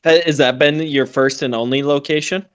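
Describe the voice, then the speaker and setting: A man's voice: on the high side, fairly even intonation, moderate pace, clean tone. A man hosting a business podcast, asking questions in a friendly, hesitant way with many fillers. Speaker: podcast host. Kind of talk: casual interview hosting.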